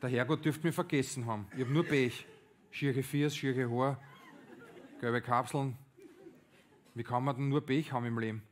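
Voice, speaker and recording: A man with an Austrian accent doing stand-up comedy, telling a story in a lively, animated way with sudden bursts. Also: mid-range voice, moderate pace, pauses often, some chatter behind.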